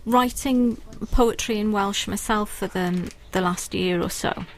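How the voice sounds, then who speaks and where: A woman poet and writer appears as a guest on a radio interview, speaking about poetry in an earnest, thoughtful way with many ums. Her voice is mid-range and her pace measured, though the audio quality is poor.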